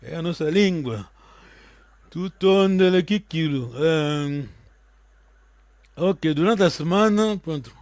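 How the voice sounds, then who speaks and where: A man whose first language is Kikongo teaches an online class. He explains each word patiently in a fairly high voice and keeps checking that the students follow. The sound is dry and close. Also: takes it slowly, long pauses, darkish tone, no room sound.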